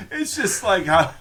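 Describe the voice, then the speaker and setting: A man's voice: sits high, background noise. A man co-hosting a podcast, recapping a film in casual chat, laughing often and mock-quoting the characters. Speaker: podcast co-host.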